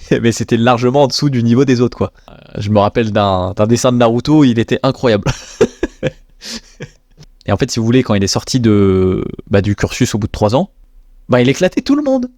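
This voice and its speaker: A man's voice: medium pitch, a little mellow, no room sound, studio quality. A young man with a French accent hosting his own podcast, talking casually with many fillers. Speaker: podcast host. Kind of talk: casual monologue.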